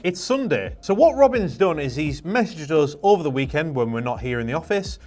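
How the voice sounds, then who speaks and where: A man's voice: a little high, big pitch swings, fairly quick, darkish tone, soft background music. Bemused British man reading out reviews. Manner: wry, bemused disbelief at odd reviews. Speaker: presenter for an airsoft and paintball shop. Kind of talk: casual commentary, reading out customer reviews aloud.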